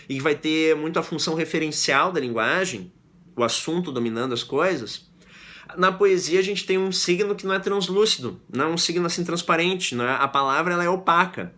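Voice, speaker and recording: A man lectures on poetry in a fairly high, bright and forceful voice. He explains in a relaxed, conversational way, checking in with his listeners, and slows down to read verses aloud. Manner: explains with frequent "né?" and reads verses aloud slowly. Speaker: literature teacher.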